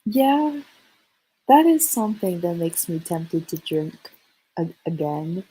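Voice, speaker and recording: A woman with an American accent chatting casually on a livestream, halting and hesitant, in short broken phrases. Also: fairly low pitch, big pitch swings, warm tone, husky, rough recording.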